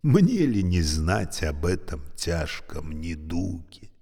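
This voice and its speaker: A man voicing an old, creaky, talking elevator, speaking slowly and courteously with a weary, sorrowful politeness. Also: deep voice, very animated, warm tone, big-room sound, exaggerated voice. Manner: slow, courteous, mournful.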